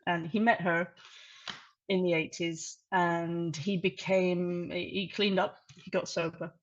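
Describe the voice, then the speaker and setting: A woman speaks in a lowish voice, presenting to an audience over a video call. She talks conversationally, with plenty of fillers and restarts. The audio is a bit dull and lo-fi. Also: little pitch movement, takes it slowly. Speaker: conference speaker.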